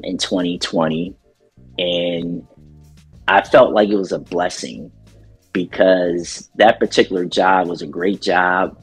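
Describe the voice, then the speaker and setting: A middle-aged man talking casually in an interview about his radio work, relaxed and rambling, with plenty of ums. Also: low-pitched, husky. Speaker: DJ and radio station owner.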